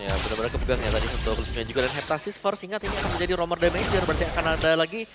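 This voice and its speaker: A man's voice: on the high side, rapid-fire, heavy background noise. A man with an Indonesian accent explaining plays as an analyst in live esports commentary. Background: loud music.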